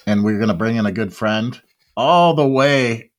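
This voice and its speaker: A man's voice: medium pitch, moderate pace. A middle-aged man hosting a podcast in casual banter, with a joking, teasing way of talking. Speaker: podcast host.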